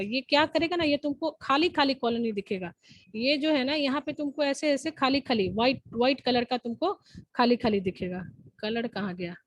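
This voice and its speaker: A woman teaching an online class in a high, somewhat husky voice. She explains patiently, step by step, and keeps asking whether the students are following. The sound is close and dry, with no room around it. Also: dry recording, low-quality recording. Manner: explains step by step, asks checking questions.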